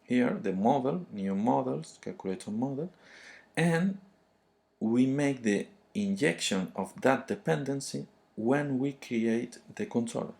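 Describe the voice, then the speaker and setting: Slow, halting man with thick foreign accent. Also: medium pitch, expressive, creaky, darkish tone. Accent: thick foreign, non-native English. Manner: halting, hesitant, searching for words. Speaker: programming tutorial presenter. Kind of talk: unscripted screencast tutorial.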